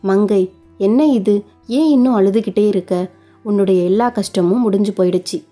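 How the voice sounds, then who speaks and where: A woman's voice: medium pitch, normal speed, warm tone, faint music behind, lightly acted. A woman voicing a devoted young man who earnestly reassures his new bride in a spoken story. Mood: reassuring. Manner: earnest, reassuring, explains at length.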